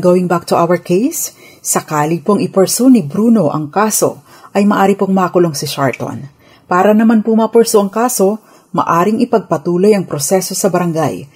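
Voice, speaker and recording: On radio, a lawyer with a Filipino accent gives a scripted legal explainer, formal and measured in an instructive tone. She speaks with a lowish, somewhat mellow, husky voice.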